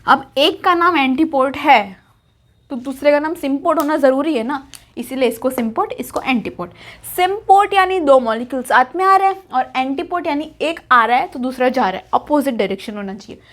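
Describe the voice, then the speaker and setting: A woman's voice: high-pitched, lively intonation, a little fast, a bit bright. A young woman teaching a biology lesson at a whiteboard, chatty and repetitive, asking questions and answering them herself. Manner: chatty, repeats key terms, asks and answers herself.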